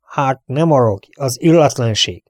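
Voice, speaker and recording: A man's voice: medium pitch, expressive, no echo, clean studio sound, voice pushed up, lightly acted. A man voicing a cheerful, dignified prince who turns mock-stern. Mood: jovial. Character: jovial, dignified, scheming male prince.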